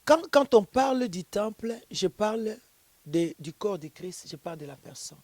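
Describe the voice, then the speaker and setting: A woman's voice: medium pitch, animated, moderate pace, a little mellow, dry recording. A woman pastor being interviewed, preaching and telling stories with emphasis. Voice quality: emphatic, storytelling.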